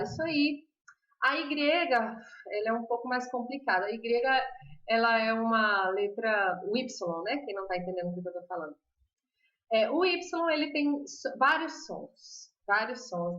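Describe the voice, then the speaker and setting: With a slightly high, somewhat bright voice, a woman carrying a Brazilian Portuguese accent gives a laid-back Spanish pronunciation lesson on a live stream. She's chatty, laughs a lot, and reads out viewers' comments, all captured in roomy, slightly muffled stream audio.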